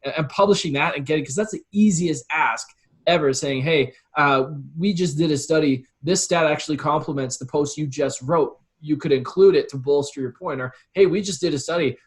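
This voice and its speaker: Speaking a little high and fairly quickly, this copywriter and consultant from Calgary talks as a guest in an easygoing interview. His manner is sincere and explanatory, and he often performs example quotes.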